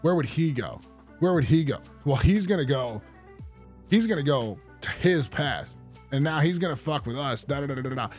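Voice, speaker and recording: A man's voice: fairly high pitch, lively intonation, normal speed, faint music behind. A young man streaming a game, chatting casually in a profane, ranting way. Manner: profane, ranting about comic book movies. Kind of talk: casual chat while gaming.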